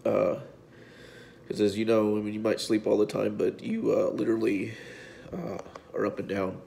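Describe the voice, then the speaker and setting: A man, a physique coach giving a heartfelt personal video update, halting and fighting back tears. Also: fairly low pitch, level tone, vocal fry, mellow, slight background noise. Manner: halting, repeats words, speaks from the heart. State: tearful, voice breaking at times.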